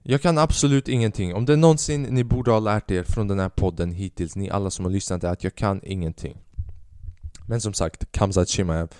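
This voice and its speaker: A man's voice: lowish voice, a little mellow, smooth, dry recording, studio quality. A man in his twenties hosting a solo podcast, rambling restlessly, swearing often and mixing in English phrases. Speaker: podcast host. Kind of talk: casual solo monologue.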